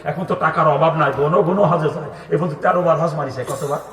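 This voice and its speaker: A man preaching an open-air sermon, thundering and mocking, often shouting rhetorical questions at the crowd. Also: fairly high pitch, steady tone, quick pace. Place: outdoor gathering. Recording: echoey distant PA sound.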